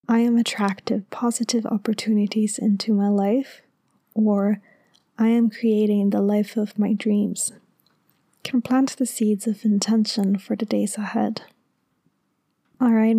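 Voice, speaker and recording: A woman podcast host reading a script in a soft, soothing, half-whispered sleep-story narration. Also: mid-range voice, no room sound, clean studio sound.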